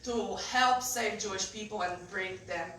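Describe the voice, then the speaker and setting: A woman's voice: mid-range voice, measured pace, fairly bright tone, a little hiss or hum. A woman in her late twenties from Poland, speaking, telling her personal story candidly to a live group, with frequent fillers and laughter. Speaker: speaker at a benefit event. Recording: echoey room, voice from far off.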